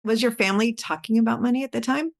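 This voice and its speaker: A woman co-hosting a podcast, asking measured, reflective follow-up questions. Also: a little high, gravelly. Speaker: podcast co-host.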